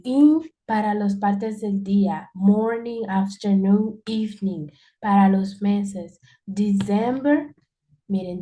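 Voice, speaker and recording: A woman's voice: medium pitch, warm tone, a little hiss or hum. A woman teaching English in an online class, explaining patiently and repeating key points.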